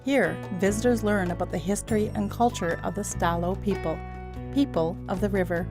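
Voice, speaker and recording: Woman narrator, measured travel-show read, music bed behind. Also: medium pitch, steady tone. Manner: measured, informative. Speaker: documentary narrator.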